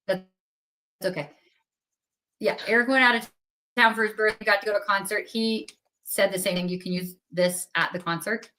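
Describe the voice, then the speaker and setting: Bright, bubbly woman hosting a livestream. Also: medium pitch, fairly even intonation, normal speed, pauses often. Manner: bubbly, chatty, upbeat. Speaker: livestream host for a craft company. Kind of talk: live sales stream chat.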